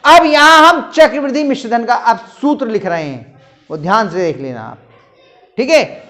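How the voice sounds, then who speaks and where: A man's voice: very high-pitched, expressive, normal speed, bright, forceful tone. A man teaching a classroom maths lesson, patiently quizzing his students.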